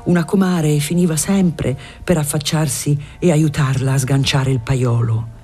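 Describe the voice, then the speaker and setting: A measured literary audiobook narration that sinks into whispers at tender moments, read in a breathy voice. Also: medium pitch, steady tone, warm tone, soft background music.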